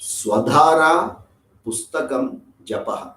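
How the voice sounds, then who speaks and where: A man's voice: a little high, lively intonation, takes it slowly, a bit bright, slight background noise. A man with an Indian accent teaching an informal scripture class, chatty and joking, often checking in with his listeners. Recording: roomy echo.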